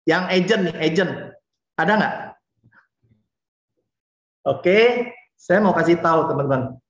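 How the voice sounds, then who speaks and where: A man in his forties from Indonesia giving a lively, chatty motivational talk and speaking straight to his listeners. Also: on the high side, measured pace, echoey room. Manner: lively and chatty, often addresses the listeners directly.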